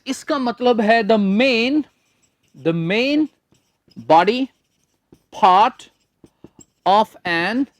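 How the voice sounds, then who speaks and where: A man's voice: high voice, dry recording, studio quality. A man teaching a spoken English lesson to Hindi speakers, spelling words out letter by letter and drilling their pronunciation.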